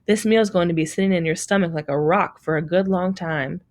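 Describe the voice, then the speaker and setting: A woman's voice: fairly low pitch, brisk, a little mellow, natural voice. Storybook teasing grandfather, read by a woman, playful and joshing. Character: teasing older man, joking grandfather. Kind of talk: audiobook reading.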